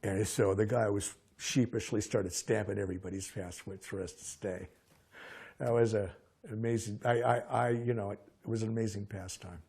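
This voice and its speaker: An older man recalling personal memories as a lively storyteller, often halting and restarting his sentences. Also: fairly low pitch, creaky, husky. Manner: halting, frequent restarts and fillers.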